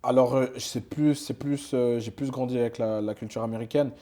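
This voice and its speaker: A young man, a rapper from Switzerland, chats informally in an interview, his speech slangy and loose with lots of fillers and false starts. His medium-pitched voice is dark and steady in tone, and he talks briskly.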